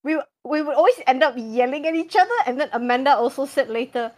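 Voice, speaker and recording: A woman's voice: sits high, quick pace, no room sound. A young woman chatting casually as a podcast guest about running tabletop games, talking loosely with many fillers and frequent laughter. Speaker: podcast guest, game master.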